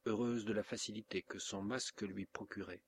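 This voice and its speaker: A man with a French accent reading a classic novel aloud as an audiobook narrator, steady and measured. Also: lowish voice, slight background noise.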